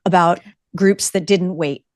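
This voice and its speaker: Low-voiced woman podcast host, dry sound. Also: fairly even intonation, a little slow, a little mellow, no echo. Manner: affirming, frequent mm-hmms, enthusiastic. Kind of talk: conversational interviewing.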